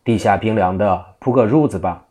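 A man's voice: on the low side, moderate pace, warm tone, breathy edge. A man voicing a scruffy, eccentric old monk who teases and mocks in cheeky banter. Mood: mocking.

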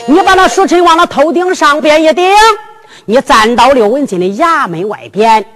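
A woman voicing a scheming old father who speaks slowly and deliberately, with a Henan accent, in a drum-ballad storytelling. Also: animated, fairly bright tone. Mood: scheming, instructing. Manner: drawn-out, deep, deliberate elder's speech. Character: slow-spoken old father, scheming, low-voiced. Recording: long hall reverb with music.

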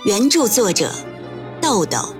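A woman's voice: medium pitch, sing-song, slow. Woman narrating an audiobook over music. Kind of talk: scripted narration.

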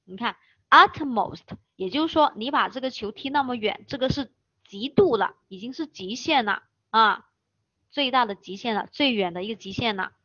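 A woman teaching English vocabulary, slowly spelling words letter by letter and repeating key terms. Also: a little high, animated, pushed and bright, no room sound. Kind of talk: vocabulary lesson. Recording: dull, dry close recording.

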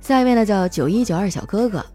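A woman's voice: medium pitch, lively intonation, quick pace, dark tone, soft background music. A woman hosting a show, reading out listeners' jokes and answering them with playful, teasing, self-mocking banter. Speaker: radio-style host reading listener jokes. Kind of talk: comedic joke reading and banter.

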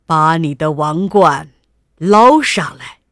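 A woman voicing a stern king father in a children's storybook, loud and commanding. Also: lively intonation, slow pace, no echo, studio quality, heavily acted. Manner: commanding, booming. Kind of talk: storybook character voice.

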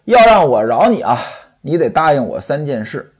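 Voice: medium pitch, sing-song, normal speed, breathy edge, voice pushed down. A storyteller voicing Pan Jinlian, a scheming bossy mistress. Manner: scolding, domineering. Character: scheming sharp-tongued young mistress, a woman.

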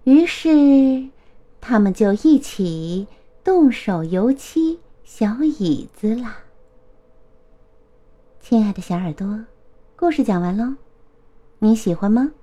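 Storyteller, woman, 30s, slow and sing-song; kids' picture book reading. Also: a little high. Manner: lively, sing-song, tender. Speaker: storyteller, children's story channel host.

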